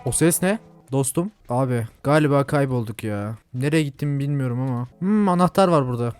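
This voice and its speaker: A young man with a Turkish accent giving chatty, jumpy commentary while playing a horror game, yelling at scares. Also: medium pitch, expressive, brisk, clean tone, soft background music. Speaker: gaming channel host.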